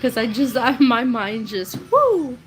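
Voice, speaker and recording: A woman's voice: a little high, sing-song, a little slow, soft background music, rough recording. A woman in her thirties telling rambling, chatty stories about her past on a casual live stream, often breaking into laughs. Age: 30s. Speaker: storytelling creator.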